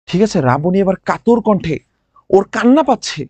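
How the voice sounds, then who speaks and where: A man's voice: high-pitched, moderate pace, husky, dry recording. Man teaching with dramatic flair. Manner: lively, dramatic explaining, asks students questions. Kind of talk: exam-prep poetry lesson.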